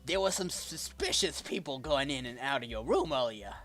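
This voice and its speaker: A man voicing a nerdy, twitchy young male student in a game, with a loud, eager manner. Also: mid-range voice, expressive, moderate pace, soft background music, natural voice.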